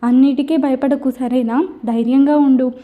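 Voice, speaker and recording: A woman's voice: high voice, steady tone, normal speed, phone-quality sound, natural voice. Woman voicing a tearful middle-aged mother. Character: middle-aged mother weeping over her daughter.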